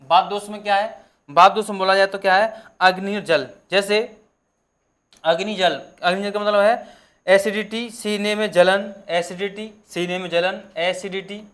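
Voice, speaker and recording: Man slowly dictating a lesson. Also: high-pitched, fairly even intonation, fairly bright tone. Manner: repetitive, dictating terms slowly for notes. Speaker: teacher. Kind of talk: exam-prep lesson.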